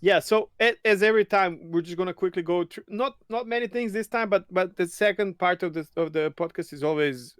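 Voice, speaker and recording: Man from serbia, excitable podcast co-host, clear smooth voice, dry sound. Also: high voice, a little fast, hardly any pauses, dry recording. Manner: excitable, laughing often. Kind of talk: casual gaming podcast chat.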